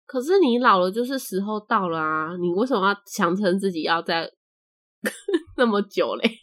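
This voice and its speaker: A young woman speaks Mandarin with a Taiwanese accent, hosting a relaxed podcast chat. She talks in a chatty, easygoing way, laughs often and lets her sentences trail off. Her voice sits at an ordinary middle pitch. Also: brisk. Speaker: podcast host. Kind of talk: casual chat.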